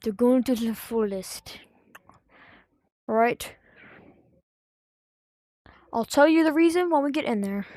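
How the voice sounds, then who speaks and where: A woman's voice: a little high, animated, takes it slowly, pauses often, dark tone, no echo, clean studio sound. A woman hosting a VR gameplay video, chatting in a casual, rambling way and breaking into sing-song asides as she plays, talking into a headset mic. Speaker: gaming video host.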